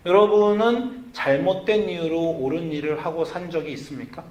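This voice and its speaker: A man preaches in a fairly high voice, telling the story and asking his listeners questions. The sound rings around a church hall. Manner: storytelling preacher who acts out quoted lines with sudden loud outbursts; asks the congregation questions directly. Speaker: pastor. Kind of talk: sermon. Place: church sanctuary.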